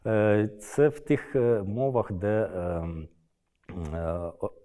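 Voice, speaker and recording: A man's voice: on the low side, expressive, takes it slowly, warm tone, smooth. A middle-aged man giving an unscripted lecture, hesitant, with many filler sounds and restarts. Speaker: Arabist lecturer.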